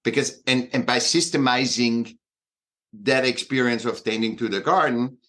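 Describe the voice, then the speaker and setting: A man in his sixties from Austria with an Austrian accent, a guest artist talking in a halting way, full of fillers and restarts. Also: medium pitch, bright, forceful tone. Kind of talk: conversational interview.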